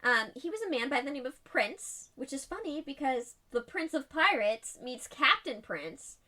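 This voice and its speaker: Woman, co-host, playful, chatty, higher pitch, animated delivery. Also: normal speed. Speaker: podcast co-host. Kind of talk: casual comedic storytelling.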